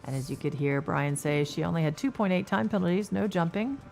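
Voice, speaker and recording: A woman's voice: fairly low pitch, expressive, a little fast, creaky, a little mellow. A woman with a Kentucky accent doing casual live commentary at a show jumping event, joking and reading out horse details. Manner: chatty, jokey, reads out horse details.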